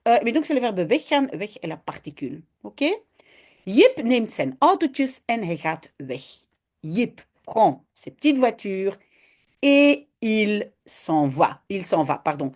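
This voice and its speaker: A woman's voice: mid-range voice, very animated, slow, darkish tone. A woman from Belgium, patiently teaching Dutch step by step in an online lesson and often adding "hein".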